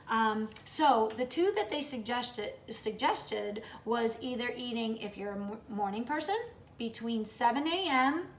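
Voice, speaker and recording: A woman's voice: on the high side, echoey room, slight background noise. Chatty upbeat woman in her late fifties. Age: late 50s. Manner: chatty, upbeat, often ends with "okay?". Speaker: vlogger. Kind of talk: casual vlog talk to viewers.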